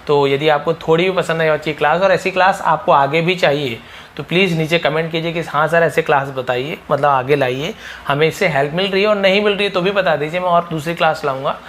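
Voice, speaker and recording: A man with a Hindi accent teaching spoken English, explaining patiently and repeating model sentences slowly. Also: fairly high pitch, fairly bright tone, a little hiss or hum.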